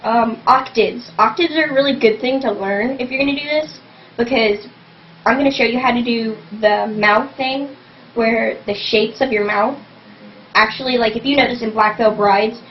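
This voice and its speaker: A woman's voice: fairly high pitch, normal speed. A young woman in a casual home tutorial, rambling and saying "like" constantly as she explains vocal technique. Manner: rambling, fills every phrase with "like". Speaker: vlogger teaching scream technique. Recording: dull lo-fi webcam audio, faint hum.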